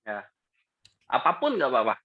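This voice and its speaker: A man's voice: mid-range voice, huge pitch swings, normal speed. A man leading a casual Bible study group, talking conversationally and putting questions to the listeners. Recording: dull lo-fi audio.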